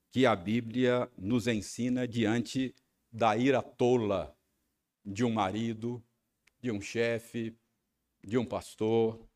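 A man's voice: mid-range voice, a little mellow. A man with a Brazilian Portuguese accent preaching a sermon, telling a personal story with frequent tag questions. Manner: storytelling, acting out his own angry rehearsal. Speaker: pastor.

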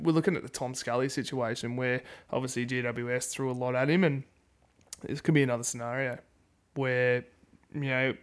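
A man's voice: medium pitch, a bit bright. Colloquial Australian man podcasting in a shed. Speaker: sports podcast co-host. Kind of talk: casual football discussion. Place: in a wooden shed in the countryside.

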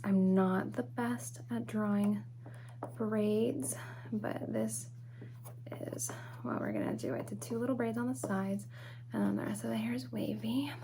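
A young woman whispering softly and slowly in a personal-attention ASMR roleplay, close to the microphone. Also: mid-range voice, a little hiss or hum. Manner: soft whispering, slow and close. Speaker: ASMR creator. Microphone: close sensitive mic.

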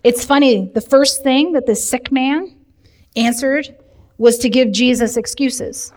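A woman leading a recovery group, teaching in a lively way and speaking directly to the room with humor. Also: high voice, measured pace. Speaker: recovery program leader. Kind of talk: sermon teaching. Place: church meeting room. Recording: long hall reverb.

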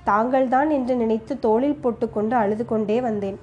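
A woman's voice: a little high, fast talker, a little mellow, dull audio, a little hiss or hum, close to an everyday voice. A woman reading the lines of a fierce, wild female kapalika in a storybook, with a harsh, dramatic way of telling. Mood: recounting. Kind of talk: audiobook character reading.

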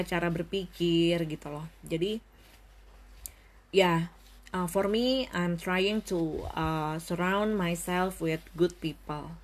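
Chatty young woman with a lowish voice. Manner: chatty, mixes English phrases into speech; thoughtful, pauses with many fillers. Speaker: vlogger. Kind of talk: casual reflective monologue.

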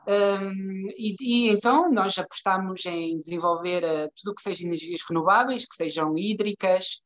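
A woman's voice: mid-range voice, moderate pace. A woman with a European Portuguese accent explaining her work in a conversational interview, often searching for words and checking that she is followed. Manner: hesitant, searching for words, frequent checking tags. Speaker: interview guest, development bank professional. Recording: dull, lo-fi call audio.

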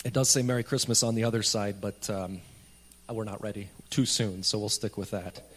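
A man's voice: fairly low pitch, steady tone, moderate pace. A man preaching a sermon as a pastor, talking directly and conversationally to his congregation. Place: speaking to a congregation at a church service.

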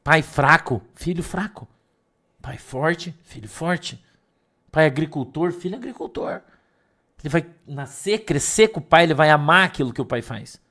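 A middle-aged man preaching a sermon, emphatic, swinging between loud stresses and soft asides. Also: on the high side, lively intonation, measured pace. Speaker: pastor.

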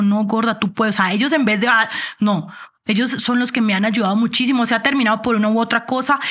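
A woman in her thirties, born in Miami and raised in Colombia, talking expressively as a guest in an interview. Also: a little high. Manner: animated, expressive storytelling with frequent "o sea". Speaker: guest, TV host and actress. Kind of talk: casual interview chat.

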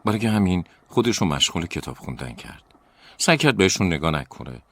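A man reading scary stories aloud in a slow, dramatic, often hushed storytelling manner. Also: sits low, big pitch swings, dry recording. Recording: crickets chirping in the background.

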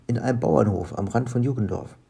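A man's voice: mid-range voice, fairly quick, creaky, warm tone, husky. A man voicing a boastful, easygoing male robber in a breezy, dismissive way.

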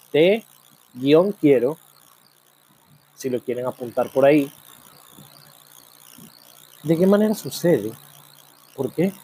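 A man hosting a program, talking in a reflective monologue full of rhetorical questions and slow, drawn-out pauses. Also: on the high side, warm tone, slight background noise. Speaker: program host.

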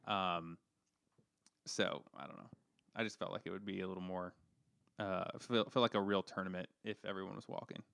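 Rambling man with a smooth low voice. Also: steady tone, moderate pace, fairly bright tone, no room sound. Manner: rambling, filler-heavy, self-deprecating. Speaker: podcast co-host. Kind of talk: casual chat.

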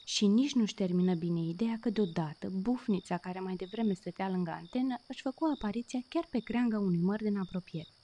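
A woman reading a bedtime story aloud in a soft, gentle way. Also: mid-range voice.

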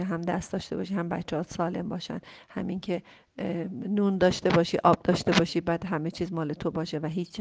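Soft-spoken woman counselor, gravelly, whispery. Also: on the low side, dry recording. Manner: soft and slow, often dropping to a whisper; gentle, repeats key phrases. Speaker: family counselor answering a listener question. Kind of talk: calm advice talk.

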